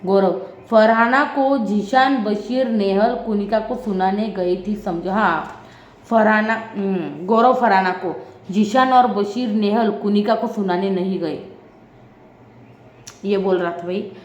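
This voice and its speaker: A woman's voice: mid-range voice, slow, echoey room, lo-fi sound. A woman recapping a reality show in a dramatic vlog, acting out what others said. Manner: dramatic, mimics other people's lines. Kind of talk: animated recap, acting out quotes.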